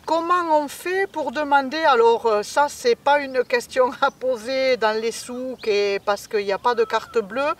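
A woman's voice: high-pitched, measured pace, few pauses. A woman co-hosting a casual language lesson, chatty, asking questions and speaking straight to viewers. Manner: chatty, asks questions, addresses viewers directly. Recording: voice a bit far from the mic.

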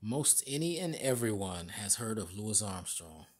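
Husky-voiced man giving a casual tour. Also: lowish voice, sing-song. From Chicago area. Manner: halting, many fillers and restarts. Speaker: vlogger. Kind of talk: casual walking tour narration. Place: inside a large store, indoors.

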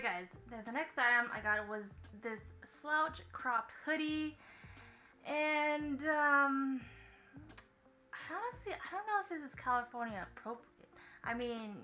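A woman's voice: a little high, bright, forceful tone, rough recording. A young woman chatting casually through a clothing haul video, rambling and full of filler words. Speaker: vlogger.

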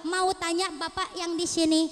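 A woman's voice: extremely high pitch, little pitch movement, moderate pace. A woman preacher, playfully teasing the audience in a call-and-response sermon. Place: large hall at a religious event. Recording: echoey hall.

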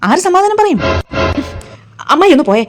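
A woman's voice: very high-pitched, very animated, moderate pace, over music. An actress playing a sensible, outspoken young mother who argues in an exasperated way. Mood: indignant. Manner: argumentative, exasperated. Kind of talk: short film acting.

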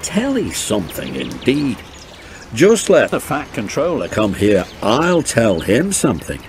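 A man's voice: mid-range voice, wildly swooping pitch, measured pace, slight background noise. A man voicing a grumpy, proud storybook engine in a grumbling, indignant manner.

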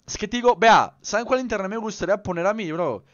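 A man's voice: high voice, quick pace, a bit bright, dry recording. Young man, casual livestream chat, playful slang, slightly muffled audio. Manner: playful, rambling, peppered with slang. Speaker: streamer. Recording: slightly dull lo-fi stream audio.

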